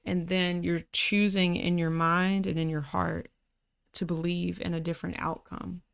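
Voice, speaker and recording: Low-voiced woman in a calm coaching talk. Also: vocal fry, clean tone. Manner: calm, unhurried, slips into casual slang. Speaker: personality typology coach. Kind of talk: reflective coaching monologue.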